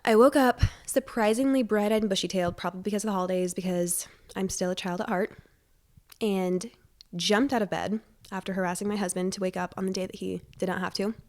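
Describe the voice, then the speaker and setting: A woman's voice: mid-range voice, steady tone, fairly quick. A woman hosting a casual solo podcast from her living room, sounding congested, chatting in a bubbly, rambling, self-deprecating way. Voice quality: stuffy, congested nose. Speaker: podcast host. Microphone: wired podcast microphone.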